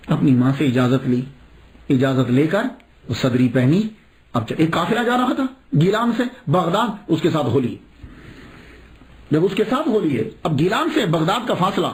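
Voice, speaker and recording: A male preacher telling a religious story in a sermon, animated and asking rhetorical questions as he goes. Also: fairly high pitch, long pauses.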